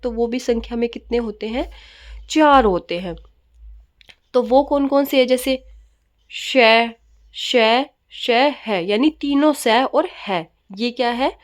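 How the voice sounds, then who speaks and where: A woman's voice: on the high side, darkish tone. A woman teacher giving a grammar lesson, often asking questions and answering them herself and mixing in English words.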